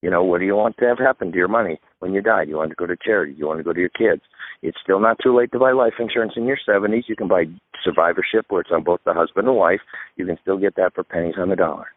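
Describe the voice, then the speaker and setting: Over a dry, tinny phone line without any room sound, a retirement expert in his fifties talks very fast in a low-pitched voice. He is a guest on a radio interview, giving emphatic, instructive advice laid out in steps.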